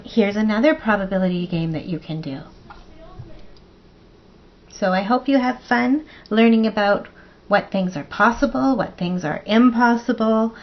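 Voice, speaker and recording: A woman teacher reading a picture book aloud to young children in an expressive, playful way, counting along. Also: on the high side, highs cut off.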